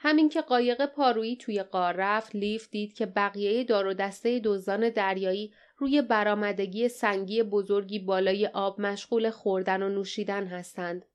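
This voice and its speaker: A woman reads a fantasy adventure aloud with steady, measured pacing. Her voice is smooth and clear. It sits at a middling pitch for a woman. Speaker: audiobook narrator. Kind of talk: scripted narration.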